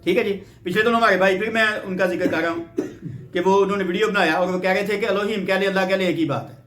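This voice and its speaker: A man's voice: high-pitched, fairly even intonation, fairly bright tone. A man from Pakistan giving a Bible teaching lecture, explaining step by step and checking in with rhetorical questions. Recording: roomy echo.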